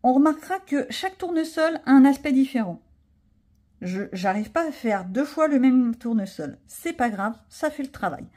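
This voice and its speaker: A woman talks casually through her coloring session, chatty and self-mocking with the viewers. Her voice sits a little high, but the tone is mellow and dark rather than bright. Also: lively intonation, moderate pace. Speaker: coloring vlogger. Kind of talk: casual voice-over while coloring.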